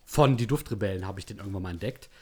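A man in casual chat about perfumes, talking in a relaxed, reflective and slightly wry way. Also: fairly low pitch, rapid-fire. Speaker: perfume reviewer co-host.

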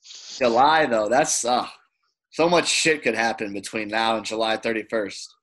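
A man's voice: fairly low pitch, steady tone, unhurried, a bit bright. A man co-hosting a casual sports podcast, rambling with restarts and swearing. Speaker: podcast co-host.

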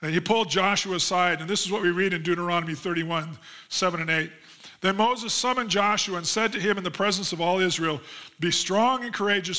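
A male pastor delivering a sermon in a high, bright voice. He reads scripture aloud, then unpacks it with earnest conviction. His tone climbs when he stresses the lines he wants his listeners to remember. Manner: earnest, rising emphasis on key promises. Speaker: lead pastor.

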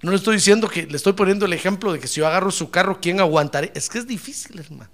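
A male pastor preaching a sermon in an animated way, mixing jokes with fervent calls to the congregation. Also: high voice, racing.

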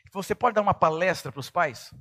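Middle-aged man, pastor, high-pitched and forceful, emphatic sermon delivery. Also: lively intonation, fast. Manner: emphatic preaching, shouting at peaks.

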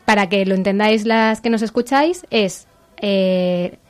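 A woman's voice: mid-range voice, a little slow. A woman with a Castilian Spanish accent chatting casually as a segment host, enthusiastic and informal as she explains things step by step. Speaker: segment host presenting a book.

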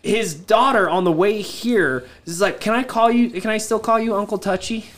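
Slightly high-voiced man in his twenties. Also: moderate pace, a bit bright. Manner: storytelling, laughs through punchlines. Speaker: podcast co-host. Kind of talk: casual banter.

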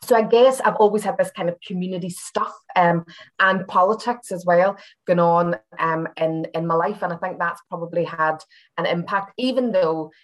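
Speaking at normal speed with a fairly low pitch, a woman from Belfast, Northern Ireland, talks in her Northern Irish accent. She's a senior lecturer at a university being interviewed casually about personal matters, chatty and reflective but somewhat hesitant, often hedging and circling back.

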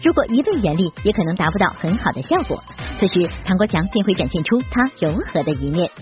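A female entertainment reporter delivers scripted narration with lively, swinging intonation at a brisk pace. Music plays behind her slightly muffled voice. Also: lowish voice. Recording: slightly dull sound over loud music.

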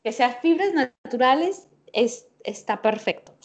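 A woman's voice: high voice, lively intonation, a little slow, lo-fi sound. A woman in casual chat, enthusiastic and rambling. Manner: enthusiastic, rambling, many fillers.

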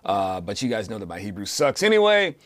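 A man's voice: fairly low pitch, very animated, fairly quick. A man hosting a podcast Bible study, chatting casually and joking, laughing often and using lots of fillers.

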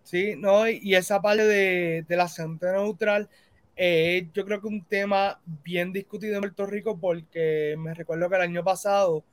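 Interview host, mid pitch, casual, thinks aloud, mixes in English. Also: fairly even intonation, moderate pace.

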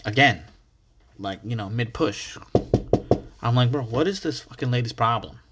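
A young American podcast host rambles through a story in a chatty monologue, animated and foul-mouthed, often bursting into sudden loud outbursts. His voice is medium-pitched at a moderate pace, and the recording is very noisy.

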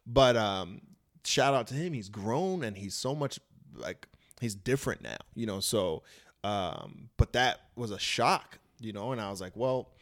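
A man talking in a casual conversation, telling a personal story in a lively way, acting out what others said and swearing now and then. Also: fairly low pitch, a little slow. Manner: animated storyteller, swears, acts out quotes. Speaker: comedian guest.

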